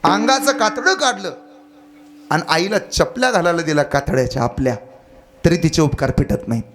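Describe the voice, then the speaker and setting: A man's voice: a little high, normal speed, fairly bright tone. A man preaching a devotional kirtan sermon, earnest and exhorting, telling folksy stories to the crowd.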